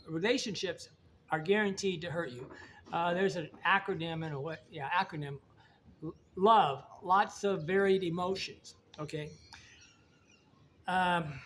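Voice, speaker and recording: A middle-aged man from Indiana with a high voice, talking in a loose, rambling monologue. He is blunt and folksy and stumbles over repeated words. Faint ambient noise sits behind him. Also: fairly bright tone. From Indiana, United States. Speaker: vlogger. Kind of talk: casual monologue to camera.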